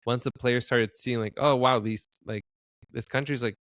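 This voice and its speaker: A man's voice: medium pitch, fairly even intonation, moderate pace, a bit bright, no room sound, clean studio sound. A man co-hosting a soccer podcast, speaking hesitantly and filling his sentences with "like.". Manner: hesitant, heavy use of "like". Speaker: podcast co-host. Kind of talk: casual chat.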